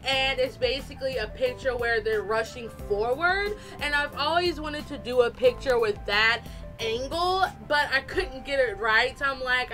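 A woman artist giving a chatty, animated, self-deprecating casual voice-over for a drawing video. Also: on the high side. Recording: fan blowing nearby, slightly distorted, music behind. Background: music and a fan running.

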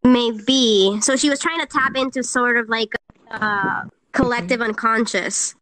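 A woman's voice: fairly high pitch, steady tone, unhurried, fairly bright tone, low-quality recording. A woman co-hosting an online event, relaying comments from the chat in a casual, chatty way. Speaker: co-host reading chat comments. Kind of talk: casual live-stream chat.

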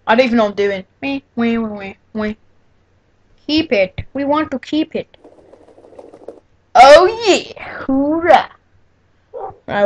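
Giggly high-voiced girl. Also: dull audio. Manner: giggly, chatty, exclaims often. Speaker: tutorial maker. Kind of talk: casual screen-recorded tutorial. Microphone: cheap computer microphone.

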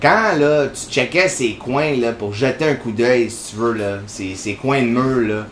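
A man's voice: mid-range voice, measured pace, fairly bright tone, echoey room, slight background noise. Quebec French man chatting over gameplay. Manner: chatty, rambling, full of fillers. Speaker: gaming channel host. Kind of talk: casual gameplay commentary.

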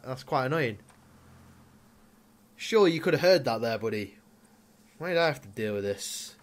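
A young man gives loose, joking commentary over a game he is playing. His voice sits at an ordinary mid pitch, and he coaxes his character along with sudden loud outbursts. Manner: chatty, talks to his Sim, bursts into loud exclamations. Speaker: gaming YouTuber. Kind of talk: casual Let's Play commentary.

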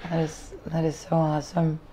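Woman interviewer, really low flat voice, mellow, admiring tone, faint noise behind. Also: moderate pace. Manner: admiring, reflective. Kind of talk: earnest interview talk.

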